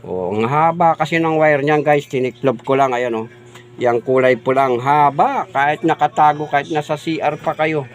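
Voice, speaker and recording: A man's voice: on the high side, normal speed, soft background music. Chatty man testing a mic. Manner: chatty and repetitive, says "guys" and "oh, di ba" often; does mic sound checks, sometimes stepping away from the mic. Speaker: vlogger showing off a new microphone. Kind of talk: casual unboxing vlog.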